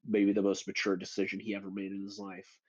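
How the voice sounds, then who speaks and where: A man hosting a book club chat, retelling the story in a loose, animated way and acting out quoted lines with sudden high bursts. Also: quick pace. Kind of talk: casual chat. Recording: dull lo-fi audio.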